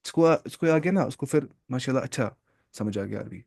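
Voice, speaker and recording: A man's voice: mid-range voice, animated, brisk, vocal fry, a little mellow, dry recording, clean studio sound. A man teaching an Arabic grammar class, who repeats key terms and keeps quizzing his students.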